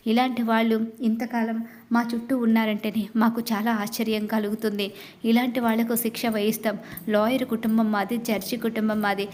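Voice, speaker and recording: A woman retells a TV serial episode in one long, steady stream, chaining scenes together and reading every character's lines in her own voice. Her voice sits fairly high and stays very level in pitch. Her delivery is more a running retelling than acting. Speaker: serial recap narrator.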